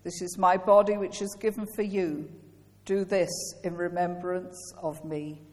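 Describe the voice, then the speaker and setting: Woman priest, unhurried solemn liturgy, long cathedral echo in a large church. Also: fairly low pitch, fairly even intonation, darkish tone. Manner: measured, solemn intoning. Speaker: priest leading communion. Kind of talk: reciting a liturgical prayer.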